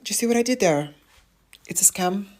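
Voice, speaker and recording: A woman's voice: mid-range voice, animated, brisk, darkish tone, slight background noise. A woman giving playful, sassy advice in a casual talk to camera.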